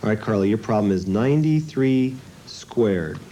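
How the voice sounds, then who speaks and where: Warm and animated, a man with a fairly low voice speaks at a normal speed while presenting an infomercial on location. He casually quizzes students and sounds amused and impressed, in a noisy room.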